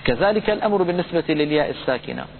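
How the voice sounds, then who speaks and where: Guy teaching recitation rules, chants the example words slow, kinda high voice, tinny phone-ish audio. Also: expressive, creaky, slight background noise. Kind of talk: tajweed lesson lecture.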